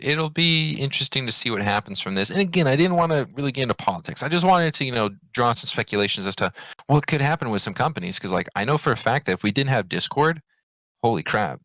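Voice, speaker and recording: A man co-hosting a podcast in casual chat, animated, with sudden excited jumps in pitch. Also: dry recording, poor audio. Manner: animated, loud outbursts, swings up in pitch when excited. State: hiccups. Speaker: podcast co-host.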